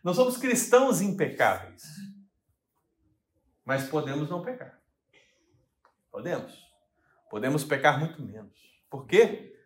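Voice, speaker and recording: A man's voice: a little high, sing-song, measured pace, pauses often. A male pastor with a Brazilian Portuguese accent, teaching a Bible study in a chatty way and asking his congregation questions. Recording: echoey church hall.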